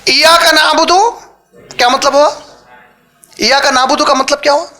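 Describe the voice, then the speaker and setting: A man teaching a live religious class, firing quick questions at his listeners and mixing English words into his talk. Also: very high-pitched, little pitch movement, pushed and bright. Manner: quizzes the audience with quick questions. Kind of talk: interactive Quran lesson lecture. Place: lecture hall with a live audience.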